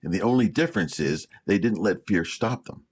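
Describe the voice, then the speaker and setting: Lively low-voiced man giving a pep talk. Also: fairly quick. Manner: encouraging, repeats key phrases for emphasis; plainspoken, teasing rhetorical questions. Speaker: vlog host. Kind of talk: motivational talk to camera.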